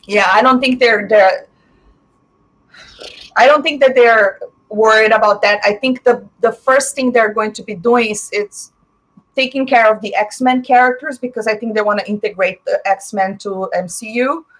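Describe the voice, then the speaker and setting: A woman from Brazil, a native Portuguese speaker, chats through a casual live stream, answering viewer comments with strong opinions and frequent fillers. Her voice is a little high at normal speed, and the audio is poor.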